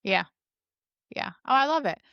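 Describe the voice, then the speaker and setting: A woman's voice: sits high, animated, normal speed, creaky, no room sound, dull audio. A woman hosting a podcast, asking questions in an upbeat, encouraging way. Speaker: podcast host. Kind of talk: casual interview chat.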